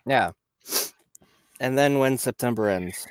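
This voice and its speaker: A man co-hosting a podcast who drops quick, dry jokes into the casual chat. His voice sits in a middle pitch. The room sound is very dry. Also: clear, resonant tone, no room sound. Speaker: podcast co-host.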